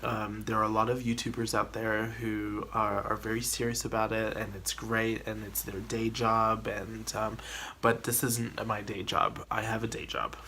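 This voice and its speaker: A man's voice: lowish voice, level tone, moderate pace, bright, forceful tone, slight background noise. A man from the Philippines hosting his cooking channel, chatting casually to a camera on a tripod, rambling with restarts and little laughs.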